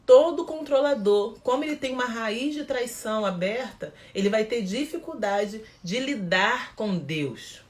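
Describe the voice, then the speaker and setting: A woman's voice: on the high side, animated, measured pace, hardly any pauses. Brazilian woman giving a casual teaching talk. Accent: Brazilian Portuguese. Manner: conversational, asks the audience questions, acts out quoted voices. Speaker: emotional development mentor.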